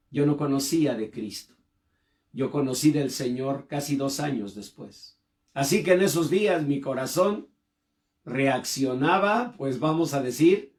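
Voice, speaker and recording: A man preaching a sermon, telling a personal story with emotion and sudden rises in pitch and volume. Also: a little mellow. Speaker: pastor.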